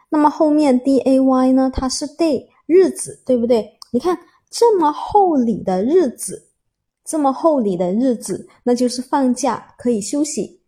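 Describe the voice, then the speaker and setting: A woman with a high, dark voice and a breathy edge teaches an English vocabulary word to learners step by step. She explains patiently, spells out the letters, and repeats herself with many fillers.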